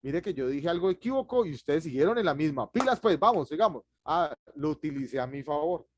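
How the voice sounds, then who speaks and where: A man, giving an online public speaking class, who talks fast and lively and chuckles at himself. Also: on the high side, a little hiss or hum.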